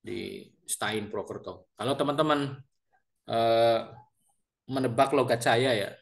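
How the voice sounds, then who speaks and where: Speaking politely to his students, a Central Javanese lecturer in his thirties gives a chatty self-introduction full of fillers and repetitions in a Banyumasan ngapak Javanese accent. His medium-pitched voice is gravelly and unhurried.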